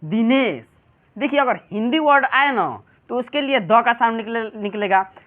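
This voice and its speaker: A man's voice: extremely high pitch, lively intonation, normal speed. A male teacher with a Bihari Hindi accent giving a classroom pronunciation lesson, who keeps asking his students questions and answering them himself. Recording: tinny phone-like sound.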